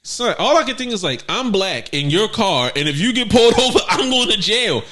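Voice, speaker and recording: A young man co-hosting a podcast, chatting casually with animated, profane storytelling. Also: a little fast. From United States. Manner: animated, profane, bursts into high exclamations. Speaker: podcast co-host. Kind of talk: casual chat.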